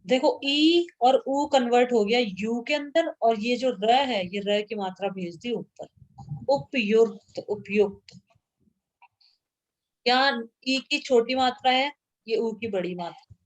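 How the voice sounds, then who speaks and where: A woman's voice: fairly high pitch, unhurried. A woman teaching a grammar lesson to a class, patiently repeating sounds aloud and checking that students follow.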